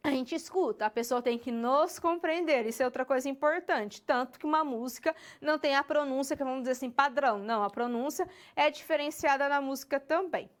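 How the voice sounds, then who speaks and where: A woman gives a recorded English lesson in a high voice. She speaks straight to the student, checks understanding with quick tags, and stretches out the English example questions slowly when she models them. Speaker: English teacher.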